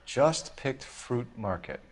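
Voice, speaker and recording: An earnest, formal young detective. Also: male voice, medium pitch, big pitch swings, background noise. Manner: measured, formal questioning. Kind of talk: 1940s crime game dialogue.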